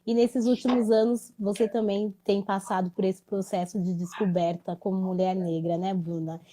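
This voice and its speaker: Mellow-voiced woman hosting a chat. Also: medium pitch, level tone, normal speed, rough recording. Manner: reflective, warm-toned, with many tag questions. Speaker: host. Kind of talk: casual interview.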